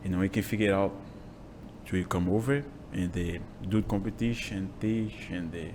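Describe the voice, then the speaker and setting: A man in his twenties from Brazil with a Brazilian Portuguese accent, whose first language is Portuguese, speaking halting English with many "you know" fillers as an interview guest in a small home gym. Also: low voice, background noise. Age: 20s. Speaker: guest, jiu-jitsu instructor. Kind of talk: casual interview.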